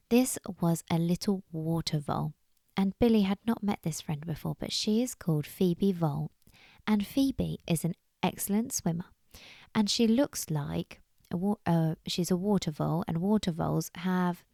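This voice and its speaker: A British woman narrating a children's story, expressive and chatty, with asides to her listeners. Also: fairly low pitch, creaky, no echo, clean studio sound.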